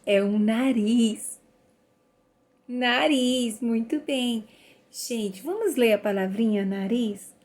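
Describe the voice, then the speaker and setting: A woman leads a children's phonics lesson. Her voice sits a little high, and she speaks very slowly, drawing out each letter sound. She encourages the listener warmly as she sounds the words out. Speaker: literacy teacher.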